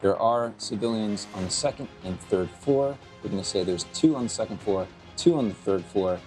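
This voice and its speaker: A man narrating as game master, halting with many fillers. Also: on the low side, animated, a little mellow, soft background music.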